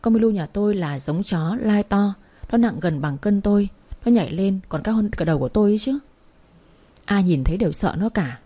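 Woman reading a first-person story, mellow husky voice, lively. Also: mid-range voice, fairly quick. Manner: lively, acting out dialogue.

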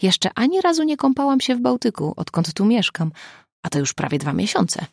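A woman's voice: mid-range voice, sing-song, a little fast, creaky, darkish tone, slightly rough, dry recording, clean studio sound, voice pushed up, heavily acted. A woman voicing an eager, chatty woman friend.

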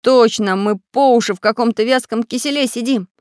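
A woman voicing a brave little iron craftsman who talks loudly and eagerly. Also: mid-range voice, normal speed, dry recording, clean studio sound, close to an everyday voice. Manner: loud and eager.

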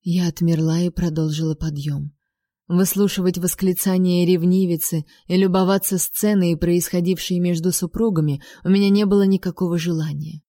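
Woman audiobook narrator, lowish mellow voice, dry close recording, measured first-person reading. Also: steady tone, no room sound.

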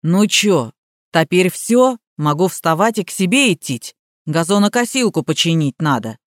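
A woman's voice: on the low side, very animated, normal speed, no room sound, studio quality, voice pushed down. A woman voicing a stubborn, simple-minded village gardener who grumbles in blunt rustic speech. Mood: plain.

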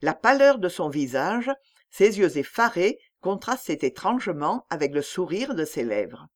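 Expressive woman audiobook narrator. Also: fairly low pitch. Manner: measured storytelling, lively intonation. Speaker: audiobook reader.

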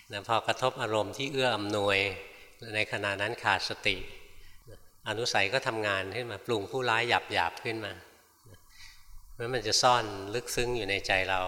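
A male monk giving a fast, direct dharma talk and answering questions from the audience. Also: fairly low pitch, bright, forceful tone, in a large hall. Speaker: meditation teacher monk. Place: large meditation hall.

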